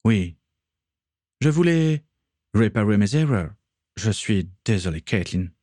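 A man's voice: on the low side, animated, dark tone, no echo, studio quality. A man voicing a remorseful, earnest young man in a read-aloud story. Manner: slow, deliberate.

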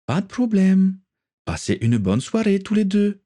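Man doing a bright teasing female sailor. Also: high voice, sing-song, unhurried, pitched above the performer's own voice. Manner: light, teasing. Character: cheerful Russian woman sailor, old friend of the captain.

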